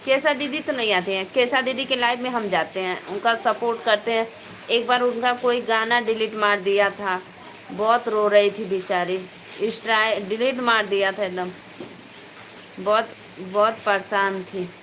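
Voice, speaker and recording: A woman from eastern Uttar Pradesh with an Awadhi-tinged Hindi accent, hosting a casual live stream, chatting with viewers by name and speaking loudly over rain. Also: medium pitch, steady tone, measured pace, poor audio. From eastern Uttar Pradesh, India. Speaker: live stream host and folk singer. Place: indoors at home during heavy rain. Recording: faint background noise of rain.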